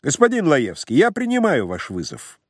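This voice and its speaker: A man voicing a cool, contemptuous zoologist who speaks calmly and mockingly. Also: a little high, normal speed, no room sound, clean studio sound, voice pushed up. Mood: cold disdain. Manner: calm, cutting, mocking.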